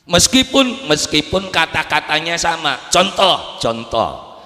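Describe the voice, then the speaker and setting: A man's voice: fairly high pitch, very animated, slow pace, pushed and bright. A man with an Indramayu Javanese accent preaching a sermon, asking and answering his own rhetorical questions and repeating words for emphasis. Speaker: Islamic preacher. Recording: reverberant hall.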